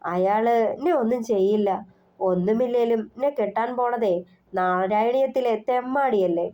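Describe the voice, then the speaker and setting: A woman voicing a gentle, playful young woman engaged to marry, in a storybook reading. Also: a little high, moderate pace, close to an everyday voice. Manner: soft, teasing.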